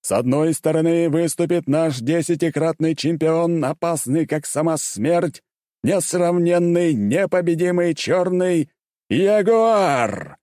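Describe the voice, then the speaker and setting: A man voicing a male arena announcer who makes grand, drawn-out proclamations. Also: a little high, mellow, dry recording, studio quality, pitched above the performer's own voice. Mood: showy.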